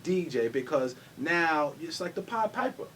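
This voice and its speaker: A man's voice: animated, normal speed, a bit bright, faint music behind. A man from New hosting a casual talk show, speaking in laid-back slang and saying "you know what I mean" a lot. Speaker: show host. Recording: distant mic with faint rumble.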